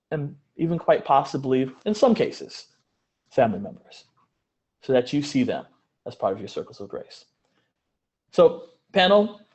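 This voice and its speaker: A man's voice: mid-range voice, a little mellow. An earnest man presenting a webinar in a middle-range voice. He talks in a searching, questioning way, breaks off and restarts phrases, and keeps turning questions over to his panel.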